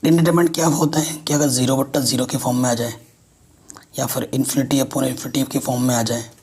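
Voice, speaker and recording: A man's voice: mid-range voice, fairly even intonation, fairly quick, a little mellow, breathy edge. A man teaching a math lesson, explaining step by step and checking in with students often.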